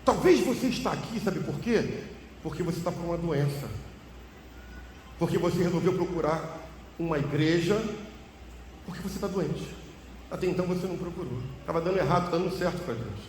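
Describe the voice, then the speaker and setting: Emphatic pastor in echoing church. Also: male voice, fairly quick, pauses often, a little mellow. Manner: emphatic, swings pitch and volume widely for effect. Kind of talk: sermon with personal testimony. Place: church hall. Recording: echoey reverberant church hall, faint hum.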